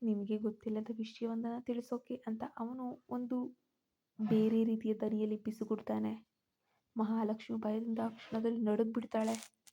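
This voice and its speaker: A woman narrating a serial story in an even, measured way, taking on her characters' voices. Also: fairly high pitch, muffled recording.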